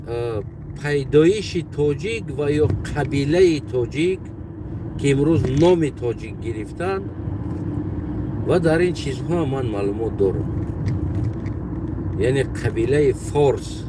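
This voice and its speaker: A man with a Tajik accent talking in a casual monologue, halting and often pausing to search for his words. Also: fairly high pitch, animated. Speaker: commentator. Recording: distant mic with loud outdoor traffic noise.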